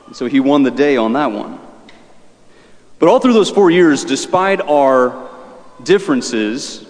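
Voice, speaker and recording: A man serving as priest, reading the Gospel in a measured way and then preaching a homily as earnest storytelling, his voice carrying a cathedral echo. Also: mid-range voice, lively intonation, a little mellow. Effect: cathedral echo, long church reverb. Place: large church. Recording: echoey church with long reverb.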